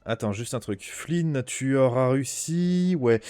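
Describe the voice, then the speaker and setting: A man leads a tabletop role-playing game in a middle-pitched voice. He narrates informally, with hesitations and spoken sound effects. The recording is dry and free of room sound. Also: expressive, a little slow, dark tone, clear, resonant tone, dry recording. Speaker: game master.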